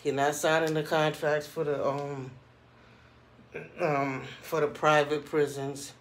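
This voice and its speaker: A man's voice: fairly high pitch, flat delivery, takes it slowly, slight background noise. A middle-aged man giving casual, rambling commentary as a vlogger in informal street slang. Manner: informal street slang, repeats "you know what I'm saying".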